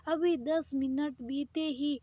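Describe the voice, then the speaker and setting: A woman's voice: high-pitched, fairly even intonation, takes it slowly, mellow, dry recording, highs cut off. A woman narrating a family story in the first person, in a scripted storytelling style, and voicing the people in it.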